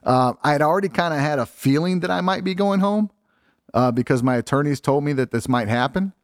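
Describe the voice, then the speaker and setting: A man's voice: fairly high pitch, expressive, brisk, no echo, studio quality. Candid, swearing man telling his story. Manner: candid, profane, lots of fillers. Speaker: interview guest. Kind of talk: casual storytelling.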